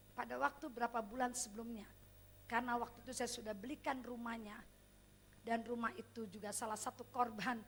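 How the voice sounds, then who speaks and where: A middle-aged woman preaching a sermon, speaking straight to her congregation and swinging between loud, emphatic exclamations and hushed, near-whispered lines. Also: fairly high pitch, slight background noise. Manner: addresses the congregation directly.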